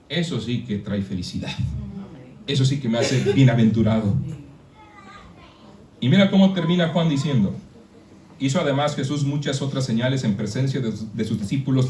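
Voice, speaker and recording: A man's voice: mid-range voice, moderate pace, long pauses, warm tone, recorded from a distance, a little hiss or hum. A man from Mexico preaching a sermon to a congregation, conversational and full of questions to his listeners. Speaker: pastor. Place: church hall. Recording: echoey church, speaker away from the mic.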